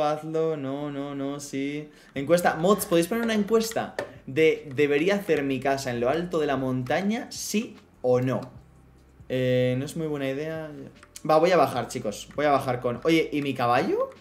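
A man with a slightly high voice, speaking at normal speed, streams a block-building game, chatting playfully with viewers and talking to his in-game pets, including his horse. It's casual live gameplay chat with slight background noise.

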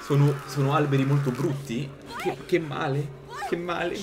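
A man's voice: on the high side, steady tone, normal speed. Jumpy, swearing man commentating a horror game. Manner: jumpy, swearing, joking to himself. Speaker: gaming streamer. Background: game music.

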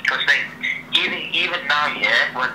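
This young man's voice is a little high and sharp, moving at normal speed. His casual phone chat is slangy and repetitive, with "yeah" and "innit" tagged on, played through a speaker held up in a room that makes the call noisy and echoey.

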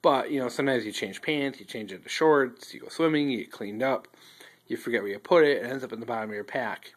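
A man casually reviewing outdoor fire starters, talking in a relaxed, rambling way with many ums and restarts, recorded on a phone he holds while filming a tabletop indoors. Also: medium pitch, fast, breathy edge. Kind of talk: casual show-and-tell review. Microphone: handheld phone filming table close up.

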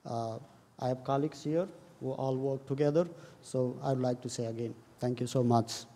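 Guy w/ a dark mellow voice at a podium mic, kinda hesitant, lots of uhs, echoey hall. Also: medium pitch, steady tone, moderate pace. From came to the US as a refugee. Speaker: refugee employment worker. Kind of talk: public comment. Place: large city council chamber. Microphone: fixed podium microphone. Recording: long hall reverb.

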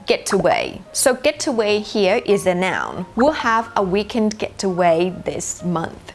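Chatty woman teaching English. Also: mid-range voice. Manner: chatty, easygoing, mixing in English examples. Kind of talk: casual podcast lesson.

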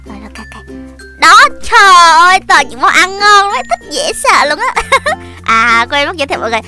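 Young woman, high and bouncy voice, excitable let's-play host, music behind. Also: fast talker. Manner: excitable, lots of exclamations. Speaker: gaming YouTuber host. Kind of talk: casual let's-play chat. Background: background music.

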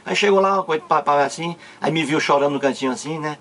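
A man with a Cearense accent telling a long comic story from his childhood, drawing it out and rising to a tearful high pitch at the punchline. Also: fast talker, a bit bright. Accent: Cearense Portuguese. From Ceará, Brazil. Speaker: comedian. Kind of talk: storytelling stand-up joke.

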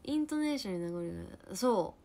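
A young woman in her twenties from Niigata, Japan, hosting a casual livestream chat and answering viewers with quick reactions and frequent laughter. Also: mid-range voice, animated, creaky, mellow. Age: 20s. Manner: chatty, reacts to comments, laughs often. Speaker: livestream host chatting with viewers.

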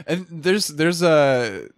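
A man's voice: on the high side, animated, drawn-out words, no room sound, studio quality. A man co-hosting a podcast, chatting casually through a film review with many fillers and frequent laughs. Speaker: podcast co-host.

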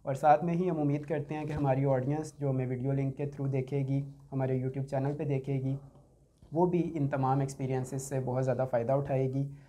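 A man's voice: mid-range voice, level tone, brisk, warm tone. A middle-aged man hosting a panel, giving formal, polite closing thanks in a small studio on a desk mic. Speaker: host. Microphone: desk boom mic.

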